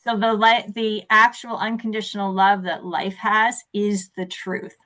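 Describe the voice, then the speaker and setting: A woman speaking as a success coach in an interview, animated and laughing often, acting out the voices she quotes. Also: medium pitch, a little slow. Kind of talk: interview conversation.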